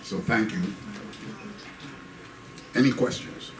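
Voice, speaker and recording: Slow and fairly low-pitched, an emphatic American man lectures a live audience in a hall about faith and identity. He repeats phrases for emphasis and adds jokey asides, captured by a distant mic in an echoey room with faint background noise.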